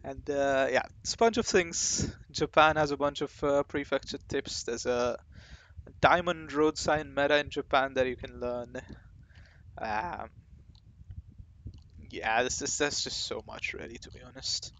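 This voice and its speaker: A man's voice: medium pitch, unhurried, fairly bright tone. Rambling male gaming host, full of fillers. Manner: rambling, hesitant, many fillers and restarts. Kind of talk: casual rambling talk to camera.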